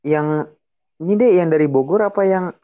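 A man's voice: a little high, moderate pace. A young man in casual chat. He teases his friend, swears often and laughs. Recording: dull lo-fi sound.

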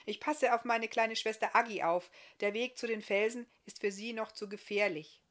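A woman voicing a sensitive, caring teenage girl in a storybook, speaking softly. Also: a little high, fairly even intonation, moderate pace, voice pushed up, close to an everyday voice. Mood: friendly.

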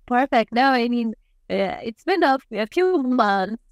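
A woman's voice: fairly high pitch, animated, a little slow, no room sound, studio quality. A woman hosting a podcast, welcoming her guest and asking him questions with an upbeat manner and a few fillers. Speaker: podcast host. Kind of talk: podcast interview.

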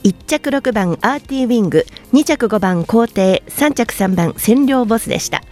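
A woman's voice: on the high side, lively intonation, moderate pace, a little mellow. A woman hosting a racing review show, presenting results and chatting with her panel. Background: background music.

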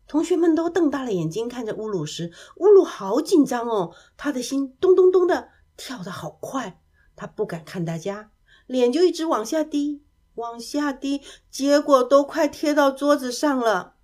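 Lady storyteller reading a kids' story, gentle, kinda high, super expressive. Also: moderate pace. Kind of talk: children's story narration.

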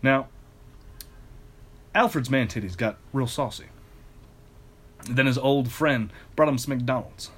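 A man reading a ridiculous fan fiction story aloud in a casual, deadpan way, now and then breaking into laughter. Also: mid-range voice, slow, long pauses, husky.

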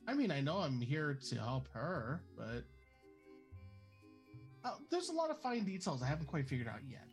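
Wry man with lively, swooping intonation. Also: a little high, normal speed, faint music behind. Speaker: role-playing game player. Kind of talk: casual improvised role-play.

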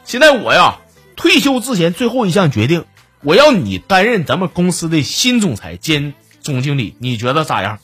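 A man's voice: a little high, wildly swooping pitch, moderate pace, fairly bright tone, breathy edge, faint music behind. A man with a Northeastern Chinese accent hosting a podcast, telling comic stories in a chatty way and acting out the voices. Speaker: podcast host telling jokes. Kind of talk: casual comic storytelling.

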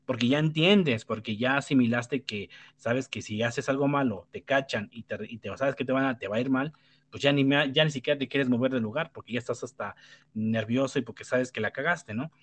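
A man's voice: mid-range voice, brisk, no echo. A man with a Mexican accent giving opinions in a casual debate, rambling and blunt, swearing freely and tagging his points with questions. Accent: Mexican Spanish. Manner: rambling, many restarts and tag questions. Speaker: panelist.

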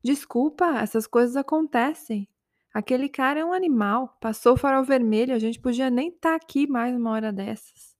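A quarrelsome, jealous young boyfriend in a spoken story, as a woman reads his lines. He snaps back defensively in a dry, close voice that sits fairly high. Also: normal speed, a little mellow, no echo, close to an everyday voice. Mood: defensive, angry. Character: young man, hot-tempered jealous boyfriend.

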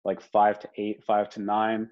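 Low-voiced man on a dull lo-fi line. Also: measured pace. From Romania. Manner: relaxed, frequent fillers, occasional swearing. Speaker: podcast guest. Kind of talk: casual conversational storytelling. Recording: dull lo-fi sound.

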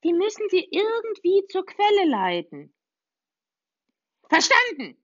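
An excitable little forest creature chirps out plans in a squeaky, high voice, as a woman reading the story puts it on. Its tone jumps around eagerly and urgently. The recording is close and dry. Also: slow, no room sound, lo-fi sound, full character voice. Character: excitable young forest animal heroes, high-pitched.

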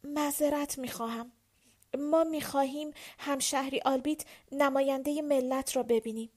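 A woman voicing a frightened young woman in a storybook reading, speaking in a soft, hesitant murmur. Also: high-pitched, fairly even intonation, natural voice. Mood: timid.

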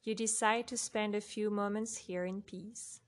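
A woman speaks in a soft, unhurried voice, leading a guided relaxation for sleep. Her pace is very slow, with long pauses between short phrases. Her pitch sits in a medium range. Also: fairly even intonation.

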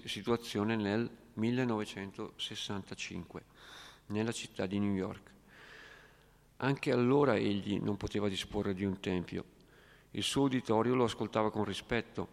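Reflective male reader with asides; gravelly, long hall reverb. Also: on the low side. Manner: quiet, reflective commenting. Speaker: reader and commentator. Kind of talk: reading aloud with asides.

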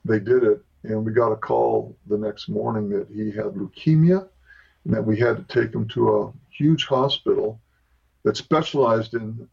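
Interview guest, man in his 60s from Southern California: gravelly, breathy voice, steady plain delivery, muffled audio. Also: fairly low pitch, moderate pace. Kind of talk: storytelling in a conversation.

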